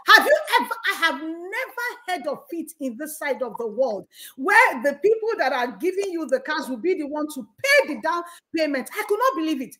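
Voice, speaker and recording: A woman's voice: high-pitched, sing-song, normal speed, fairly bright tone. A woman hosting a faith talk show, sharing an emotional, fervent testimony and calling out praise. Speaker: host. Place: Canada.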